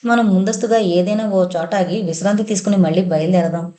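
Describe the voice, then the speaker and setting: Woman voicing a gentle weary young wife. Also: mid-range voice, steady tone, brisk, roomy sound, lightly acted. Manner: soft, gentle.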